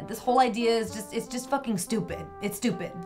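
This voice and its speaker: A woman playing a nervous young singer who doubts herself, talking in a hesitant, halting way. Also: a little high, a little mellow, faint music behind, lightly acted. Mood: anxious. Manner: hesitant, halting, quick when upset. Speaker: aspiring singer. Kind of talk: web series acting.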